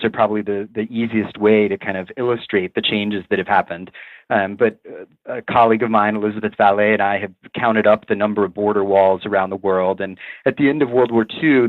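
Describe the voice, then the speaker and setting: A middle-aged man from Virginia, a professor giving measured, explanatory interview answers with frequent ums. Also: fairly low pitch, no echo. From Virginia, USA. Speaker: guest professor. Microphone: remote call line. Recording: tinny dry phone line.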